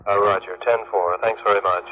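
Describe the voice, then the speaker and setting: A man's voice: lowish voice, steady tone, brisk, pushed and bright, low-quality recording. A man playing a trucker who breaks in on a CB radio channel, using trucker lingo. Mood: plain. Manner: calls in CB lingo. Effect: trucker talk over a CB radio. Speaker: motorist calling on the radio. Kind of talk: scripted radio role-play.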